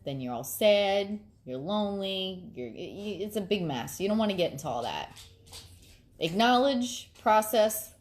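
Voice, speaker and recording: A middle-aged woman vlogging casually late at night, chatty and quick to laugh, then calm and reflective as she gives advice to her viewers. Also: deep voice, a little hiss or hum.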